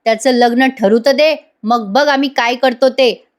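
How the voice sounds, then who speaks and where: A woman's voice: fairly high pitch, steady tone, moderate pace, close to an everyday voice. A woman voicing a cheeky young man who teases his mother. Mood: teasing. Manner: teasing, joking. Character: teasing young married man, cheeky son.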